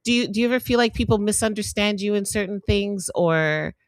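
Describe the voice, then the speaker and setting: A woman hosts a podcast and asks friendly, chatty questions, agreeing often as her guest talks. Her voice sits at a mid pitch and is recorded dry and close, with no room echo. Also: brisk. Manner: supportive, affirming, chatty questions. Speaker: podcast host, former manager. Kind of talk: casual podcast interview.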